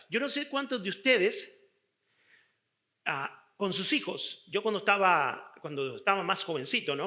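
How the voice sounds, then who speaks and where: A middle-aged male pastor preaching a sermon, emphatic and drawn out, with sudden shifts in loudness. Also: high voice.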